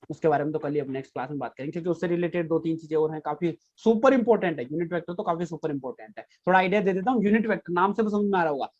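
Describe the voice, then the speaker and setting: A man's voice: high voice, a little mellow, muffled recording. A man teaching a physics class, repeating key points and quizzing his students with frequent questions. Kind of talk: live online class lecture.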